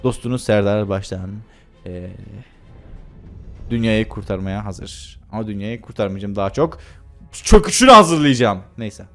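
A man's voice: on the low side, expressive, normal speed, fairly bright tone, faint music behind. A young man casually commenting on a video game while he plays, chatty and joking, with many filler sounds. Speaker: gameplay commentator. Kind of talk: casual let's-play commentary.

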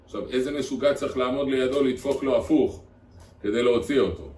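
A man's voice: mid-range voice, warm tone. A man, a rabbi, giving a Torah lesson to a live audience, drilling phrases and putting questions to his listeners. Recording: echoey room, far from the mic, faint noise.

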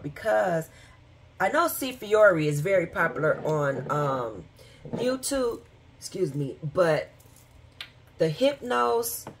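A woman vlogger talking casually and rambling with fillers and asides, who has the hiccups. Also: mid-range voice. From Michigan, USA. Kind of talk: casual chat.

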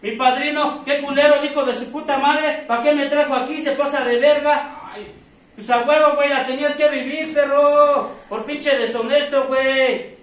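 Mexican man, strained high shouting, profane and confrontational; heard from a distance in a very echoey room. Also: steady tone, moderate pace. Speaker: speaker at a recovery group meeting. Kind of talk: confrontational testimony. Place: recovery group meeting room. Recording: very echoey hall, distant mic, crowd.

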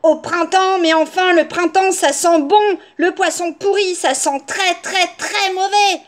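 A woman voicing a rude, bratty little girl in a children's story, insolent and loud. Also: extremely high pitch, steady tone, unhurried, voice pushed up. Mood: indignant. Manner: insolent, shouting, mocking.

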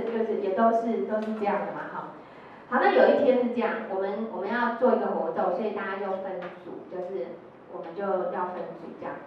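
This middle-aged educator speaks at medium pitch with a Taiwanese Mandarin accent, telling stories in a workshop lecture, acting out their quotes, and using tag particles. The audio is distant and lo-fi from an echoey hall, with slight background noise.

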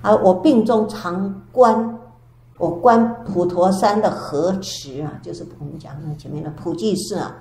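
An older woman, a Buddhist nun, giving a storytelling dharma lecture with drawn-out sentence particles. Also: on the low side, a little mellow. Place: temple lecture hall. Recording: echoey hall with faint background hiss.

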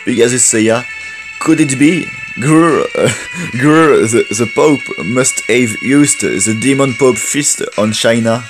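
A man with a French accent voicing a brash young male hero warrior, reading the game's lines slowly and carefully. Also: medium pitch, over music. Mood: earnest. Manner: slow, careful reading of game dialogue.

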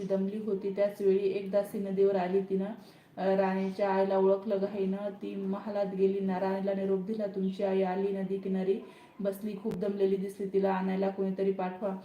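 A woman narrating a devotional story in a slow, steady reading. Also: mid-range voice. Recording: roomy echo, faint background noise.

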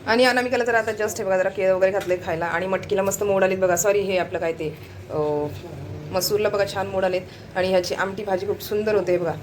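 A family vlogger from Maharashtra gives a casual tour of her home, keeping up a chatty running commentary and pointing things out to viewers. Her medium-pitched voice is fairly even and a little fast, with slight hiss or hum and music playing in the background.

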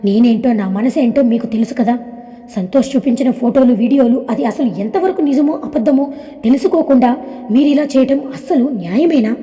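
Woman doing a hurt young woman, pleading, tearful, high bright-free mellow voice, long reverb. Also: a little fast, close to an everyday voice.

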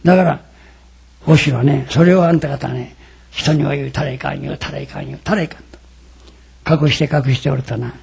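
An older man preaches a sermon, telling his stories in a folksy, dramatic way. His voice sits a little high for a man and is rough with fry. It is also very husky and raspy. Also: a little mellow. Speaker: religious lecturer. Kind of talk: storytelling sermon.

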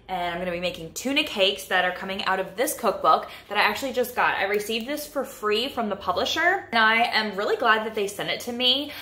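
A young woman in her twenties talks casually to a camera set close in front of her in her home kitchen, vlogging with plenty of fillers like "like" and "you know." Her voice is medium in pitch, bright, and forceful.

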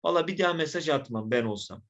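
A man teaching a recorded online lesson, who says his voice is rough and acts out examples to his students. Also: fairly high pitch, expressive, fast talker, fairly bright tone. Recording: dull lo-fi sound.

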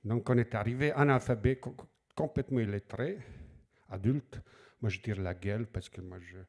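A man's voice: fairly low pitch, moderate pace. Middle-aged guy w a slavic accent telling funny stories at a library talk, acts out the quotes, repeats words a lot. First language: Slavic language. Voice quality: lively storyteller, acts out quoted lines, repeats words when searching. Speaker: author speaking at a library talk. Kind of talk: anecdotal public talk.

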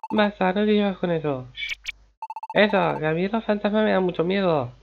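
A man voicing an excitable, anxious young creature schoolchild in a video game, with eager childlike exclamations. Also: high-pitched, a little fast, phone-quality sound, music in the background, pitched above the performer's own voice. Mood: scared.

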